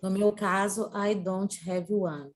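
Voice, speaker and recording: Slow-speaking woman student asking questions. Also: medium pitch, steady tone, slight background noise. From Brazil. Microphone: video call.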